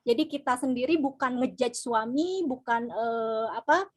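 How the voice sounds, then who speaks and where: A woman's voice: a little high, moderate pace. A woman moderating an online community session over a video call, polite and respectful toward the speaker.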